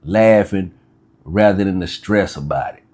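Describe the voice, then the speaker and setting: A man's voice: sits low, measured pace, a little mellow. A man chatting casually at home with his fiancée, laid-back, often restarting his sentences. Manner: laid-back, repeats and restarts phrases, Southern US dialect. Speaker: co-host of a couple's channel. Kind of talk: casual chat.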